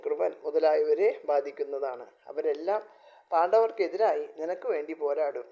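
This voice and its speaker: A man voicing a chorus of underworld demons urging a king onward, read in a solemn, measured storybook telling on a dull lo-fi recording. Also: on the high side, a little mellow, natural voice.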